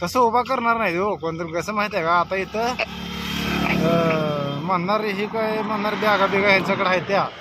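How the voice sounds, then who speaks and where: Man, high voice, rural western Maharashtra accent, over the phone, insistent pleading, casual prank call, vehicle noise behind. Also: normal speed. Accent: rural western Maharashtra Marathi. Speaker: prank caller.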